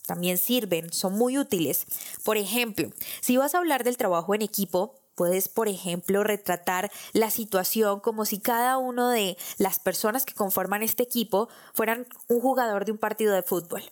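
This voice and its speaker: A woman hosting a podcast, teaching public speaking in a clear, measured, explanatory way. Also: medium pitch. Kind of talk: scripted podcast lesson.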